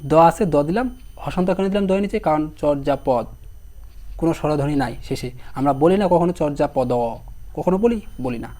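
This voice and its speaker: A young man with a hoarse voice teaching an online exam-prep lesson, repeating each word slowly while spelling it out and asking his students questions. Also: on the high side, expressive, darkish tone.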